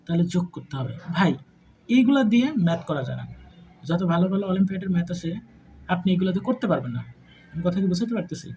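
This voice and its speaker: Speaking very fast with big swings in pitch, a man with a high, mellow voice and a Bangladeshi Bengali accent chats his way through a math lesson. English terms pepper his explanations, and he keeps checking that students understand. The audio is poor, with slight background noise.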